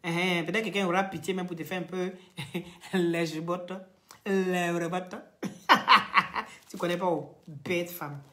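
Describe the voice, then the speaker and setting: A hoarse woman hosts a live stream. She rants loudly and mockingly, laughing often, and her voice is worn from talking. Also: fairly low pitch, fairly even intonation, slow. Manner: loud, taunting, laughing often. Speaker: social media live streamer.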